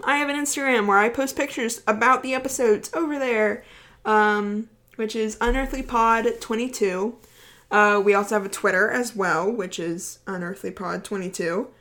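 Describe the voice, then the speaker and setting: Fast-talking woman podcast host. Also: on the high side, a bit bright. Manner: fast-talking and rambling, with many fillers. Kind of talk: casual podcast chat.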